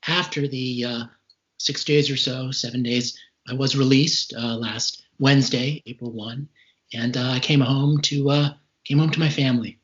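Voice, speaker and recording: A man in his forties, recovering from a serious respiratory illness and a little short of breath, gives a halting, measured account of his experience as an interview guest. His voice is mid-range with a steady tone. The call audio is dull and lo-fi.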